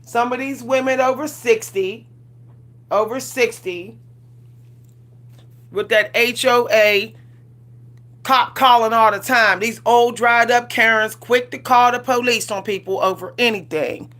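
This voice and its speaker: A livestream host in her 40s rants casually and with plenty of sass, repeating herself and laughing often in a colloquial way. Her voice is a little high and a bit bright, and she keeps a measured pace.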